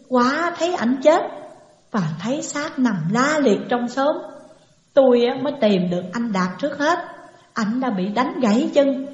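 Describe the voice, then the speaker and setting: A woman's voice: high voice, darkish tone. A woman voicing a tearful young widow. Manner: tearful, urgent recounting. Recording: muffled echoey hall reverb.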